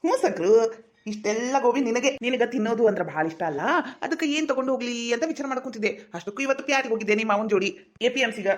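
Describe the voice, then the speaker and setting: A smitten young village man, played by a woman, coaxes and flatters in a North Karnataka Kannada accent. The voice sits a little high, and the lines come quickly. It is a comedy skit. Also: lightly acted. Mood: coaxing. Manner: coaxing and flattering.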